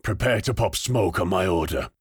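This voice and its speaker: Man doing a hard-bitten male sergeant, clipped military orders, husky voice, dry close sound. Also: low voice, animated, moderate pace, no room sound, full character voice. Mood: barking orders.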